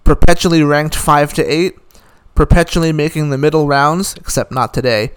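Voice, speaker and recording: A man's voice: fairly high pitch, fairly even intonation, normal speed, smooth. A man giving a casual, opinionated recap of the day's tennis results, rattling off scores with dry asides. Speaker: tennis commentator.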